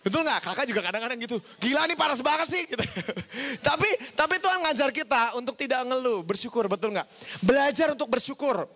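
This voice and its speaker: A young man preaching to a youth group, lively, often asking the crowd "right?" and mimicking people with bleep sounds. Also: extremely high pitch, brisk. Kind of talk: youth sermon.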